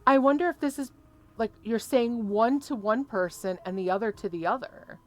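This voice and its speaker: A woman's voice: fairly high pitch, moderate pace. A woman commentating casually on a game as a streamer, reading dialogue choices aloud. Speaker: gaming streamer.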